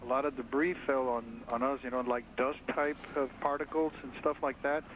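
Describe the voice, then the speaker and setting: A man interviewed on the street as an eyewitness, shaky and halting, with many restarts. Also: medium pitch, fairly even intonation, fairly bright tone, slight background noise, rough recording.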